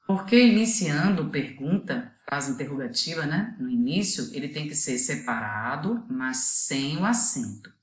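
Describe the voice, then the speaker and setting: Low-voiced Brazilian woman teaching a lesson. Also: lively intonation, a little slow, hardly any pauses, reverberant. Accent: Brazilian Portuguese. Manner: patient, explanatory, asks students to think. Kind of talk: video lesson.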